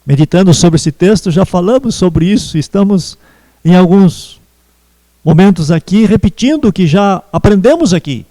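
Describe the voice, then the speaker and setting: A man preaching a sermon as pastor, slow and measured with pauses. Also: sits high, expressive, dark tone, big-room sound. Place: church.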